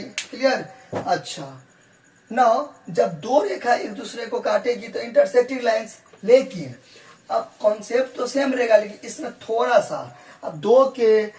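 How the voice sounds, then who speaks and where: A man's voice: high-pitched, animated, a little slow, a little mellow. A male math teacher talks through a geometry lesson, asking rhetorical questions and answering them himself. He keeps checking in with "okay" and slips English terms into his explanation. He is heard from a distance in a reverberant room. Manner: repetitive, asks rhetorical questions and answers them, frequent "theek hai".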